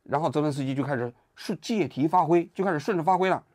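A man's voice: a little high, fast talker. A man hosting his own political commentary show, talking casually and asking many rhetorical questions. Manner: animated, full of rhetorical questions.

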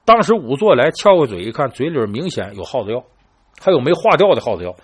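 A man spins a crime tale as casual talk, chatting with his listeners and acting out each quoted line. His voice is husky and his pitch swings widely. He sits at a middle pitch for a man. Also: fast talker. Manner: lively, chatty, addresses listeners directly, acts out quoted lines. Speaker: storyteller. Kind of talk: casual spoken storytelling.

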